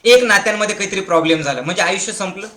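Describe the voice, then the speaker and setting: A man's voice: high voice, very fast, pushed and bright, reverberant. A man giving a spiritual discourse as a teacher. He speaks emphatically, repeats short slogan-like phrases and keeps asking listeners whether they follow.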